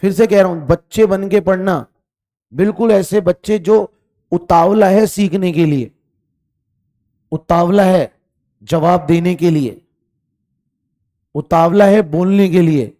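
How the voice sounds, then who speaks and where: Guy teaching chemistry online, kinda high voice but mellow, strict and scolds the class a lot. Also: slow, long pauses. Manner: stern, scolding students, repeats questions for the class to answer. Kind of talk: online exam-prep lecture.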